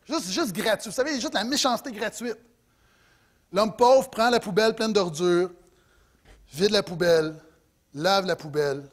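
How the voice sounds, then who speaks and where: A middle-aged man with a Quebec French accent preaching a sermon as pastor, animated, swinging between loud emphasis and soft asides. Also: high voice.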